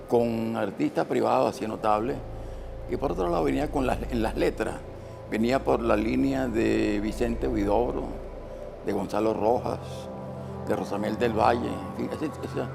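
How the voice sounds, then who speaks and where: Man, documentary interviewee, heavily gravelly, music underneath. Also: mid-range voice, normal speed.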